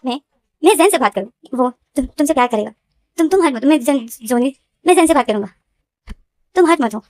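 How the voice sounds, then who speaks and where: A woman voicing a loud, worried young man scolding his friend. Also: high-pitched, animated, brisk, dry recording. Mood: soothing.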